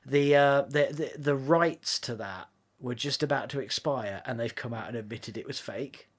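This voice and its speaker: Joking skeptical man. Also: medium pitch. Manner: playful, skeptical, quick to joke. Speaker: podcast co-host. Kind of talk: casual chat.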